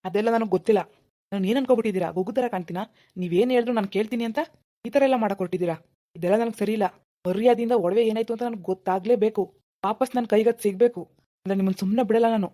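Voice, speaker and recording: A woman voicing an angry village husband in a cartoon, accusing and threatening in a fast, dark voice. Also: mid-range voice, natural voice. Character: furious village husband, middle-aged man. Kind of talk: cartoon voice acting.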